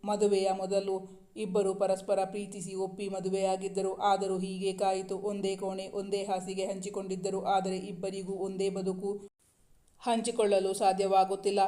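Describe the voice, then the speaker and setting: A man narrates a romance novel from a script in a high voice. His delivery stays very flat, with almost no rise or fall. The tone is dark and mellow, steady throughout. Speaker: storyteller.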